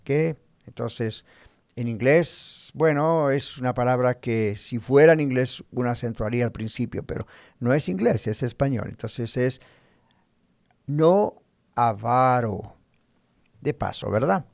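A man preaching a sermon in Spanish, teaching slowly and deliberately, asking his listeners rhetorical questions. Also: medium pitch, expressive, gravelly, a little mellow, no room sound, studio quality. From Spanish-speaking, living in the United States. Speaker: pastor.

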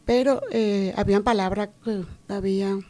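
A woman's voice: mid-range voice, fairly even intonation, moderate pace, dark tone. A woman from Venezuela, telling her personal faith story in an interview, earnest and full of quoted conversations. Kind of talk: personal testimony.

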